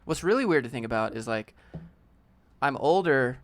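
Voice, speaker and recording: Hosting a casual live-stream Q&A, this youthful-sounding man in his late twenties jokes around and reads out questions from viewers. His mid-range voice is expressive, and he speaks at a normal speed.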